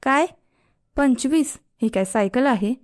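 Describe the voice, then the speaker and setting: A woman's voice: a little high, steady tone, moderate pace, warm tone, dry recording, studio quality, natural voice. A woman voicing an irritated young college guy. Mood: annoyed. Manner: irritated, complaining. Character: grumpy young male college student.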